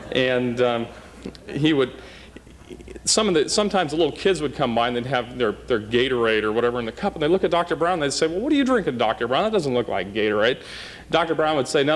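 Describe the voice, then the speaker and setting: A man's voice: medium pitch, slight background noise. A man giving a humorous, anecdotal after-dinner tribute speech as a scout troop leader in a banquet hall. He often tags his sentences with "okay?".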